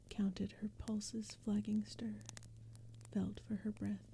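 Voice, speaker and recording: A woman reads poetry as an ASMR narrator in a breathy, mostly unvoiced whisper with a mid-range voice. Her delivery is slow, gentle, and even, like unhurried storytelling. Faint, steady ambience of a crackling fire and forest sounds runs in the background.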